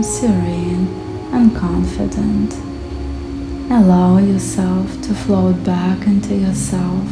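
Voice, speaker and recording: A woman guiding hypnosis in a slow, calm, soothing hypnotist voice, with long pauses between short phrases. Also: fairly low pitch, creaky. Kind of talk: slow guided hypnosis narration. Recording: echoey voice over background music. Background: music.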